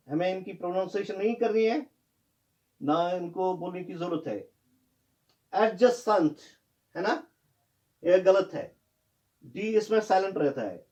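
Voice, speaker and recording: A man's voice: high voice, darkish tone. A man teaching pronunciation in Hindi, spelling words out letter by letter and correcting common mistakes. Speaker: English teacher. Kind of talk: classroom lesson on pronunciation.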